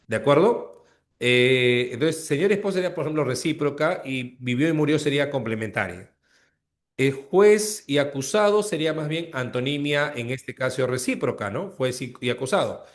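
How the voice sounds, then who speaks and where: A male language teacher explaining exercises in an online class, going step by step and often checking that students follow. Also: mid-range voice. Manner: explains step by step, checks understanding with repeated questions.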